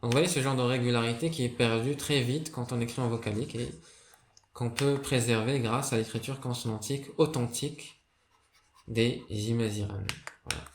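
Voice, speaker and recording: Man, mid pitch, casual explainer, lots of fillers and restarts, echoey room. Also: fairly even intonation, normal speed, slight background noise. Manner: hesitant, many fillers and restarts. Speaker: video creator explaining a writing system. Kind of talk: casual spoken lesson. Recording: roomy echo.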